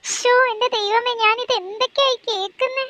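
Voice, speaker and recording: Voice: very high-pitched, fairly even intonation, normal speed, pushed and bright, no room sound, highs cut off, voice pushed up. A young woman voicing a worried, exasperated middle-aged mother who nags her husband. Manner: fretful, exasperated, scolding.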